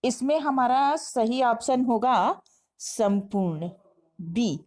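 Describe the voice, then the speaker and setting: A woman's voice: on the high side, takes it slowly, a little mellow, rough recording. A woman teaching an exam-prep lesson, methodically working through spelling questions and repeating each correct answer. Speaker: Hindi teacher.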